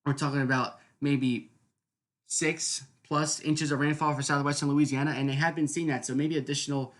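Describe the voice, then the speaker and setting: Higher-voiced man giving live weather commentary. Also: flat delivery, moderate pace. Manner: conversational, explanatory, repeatedly seeking agreement. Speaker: live weather stream host.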